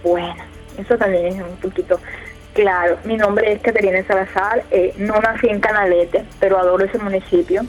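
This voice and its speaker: A woman's voice: medium pitch, steady tone, moderate pace. A woman, a radio guest answering in a casual, hesitant way with many fillers and restarts. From Colombia, Córdoba department. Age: 20s. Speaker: youth council leader, radio guest. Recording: muffled radio audio, faint music behind.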